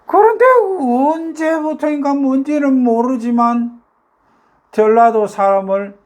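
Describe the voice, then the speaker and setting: A man's voice: very high-pitched, slow pace, darkish tone. An older man with a Gyeongsang Korean accent, talking casually to his viewers in a rambling way, with many fillers and rhetorical questions. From South Korea, North Gyeongsang. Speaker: YouTube talk host.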